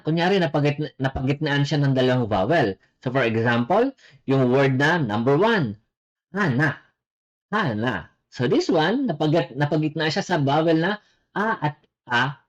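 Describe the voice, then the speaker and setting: A Korean language teacher giving a casual online lesson, lively and laughing lightly, repeating example words slowly. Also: mid-range voice, dull audio.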